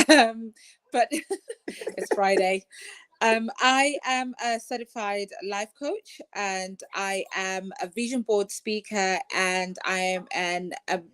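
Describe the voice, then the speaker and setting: A woman's voice: medium pitch, takes it slowly, a bit bright, clear, resonant tone. A woman life coach speaking from her sofa at home on a video call with headphones, earnest and motivational. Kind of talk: casual online panel chat.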